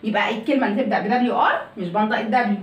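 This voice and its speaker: A woman's voice: fairly high pitch, rapid-fire, dull audio. A woman with an Egyptian Arabic accent teaching English pronunciation in a video lesson, asking and answering her own questions. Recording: echoey room, mic at a distance.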